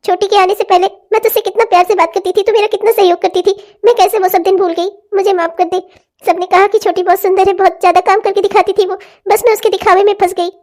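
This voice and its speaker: A woman's voice: very high voice, little pitch movement, fast talker, darkish tone, pitched above the performer's own voice. A woman voicing a doting, fretful older mother-in-law in a cartoon family drama, coaxing and chiding. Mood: remorseful.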